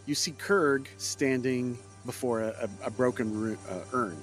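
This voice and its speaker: A man's voice: mid-range voice, unhurried. Male game master narrating over music.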